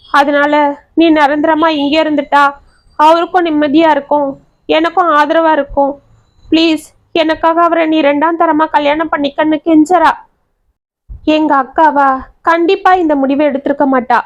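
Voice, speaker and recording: A woman voicing a distressed young village woman who speaks in earnest, tearful colloquial talk. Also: sits high. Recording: dry, slightly dull audio.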